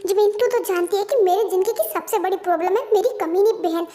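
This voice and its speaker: A woman doing a short-tempered young female boss, high voice. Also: fast talker, warm tone. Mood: ranting. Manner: scolding, ranting. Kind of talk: Hindi fan-dub audio story.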